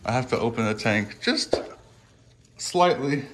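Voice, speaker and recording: A man filming himself on a handheld phone camera in a pet room at home, chatting casually and coaching his lizards with a high, coaxing voice. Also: animated, a little slow, slight background noise. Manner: chatty, filler-heavy, coaxing pets in a high sing-song voice. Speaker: reptile keeper filming his pets. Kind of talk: casual vlog narration.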